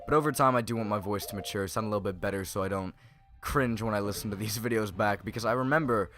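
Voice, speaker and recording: Talking fast in a low-leaning, fairly bright voice, a teenage YouTuber rambles and cracks jokes while playing through a game for his series, with the soundtrack audible underneath.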